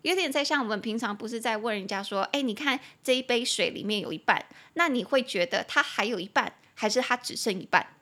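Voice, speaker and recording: A young woman with a Taiwanese Mandarin accent hosting a podcast English lesson, spelling words out letter by letter and repeating key words slowly with chatty, playful explanations. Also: a little high. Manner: chatty, lively explanations with playful acted examples. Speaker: English teacher and podcast host.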